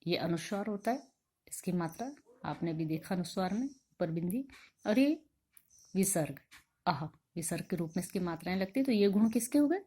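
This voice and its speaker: A woman's voice: fairly low pitch, expressive, warm tone, breathy edge. A woman teacher giving a classroom grammar lesson, explaining step by step and asking questions that she then answers herself. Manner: drawn-out, carefully spoken examples. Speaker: school teacher.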